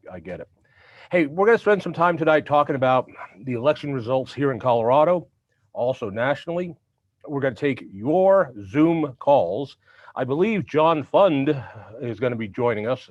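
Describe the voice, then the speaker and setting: A man hosts a show in a casual, joking style. His words slur as though part of his mouth is numb. The pitch is average for a man, and the sound is dry and somewhat dull. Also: no echo. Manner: slurred speech, as with a half-numb mouth. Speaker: host, institute president. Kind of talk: casual humorous show introduction. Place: online video call show.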